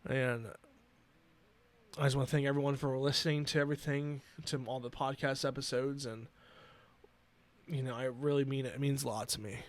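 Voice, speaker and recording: A man in his twenties hosting a solo podcast, earnest and emotional, talking haltingly with many restarts. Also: mid-range voice, fairly even intonation. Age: 20s. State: emotional, near tears. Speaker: podcast host. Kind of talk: personal solo podcast talk.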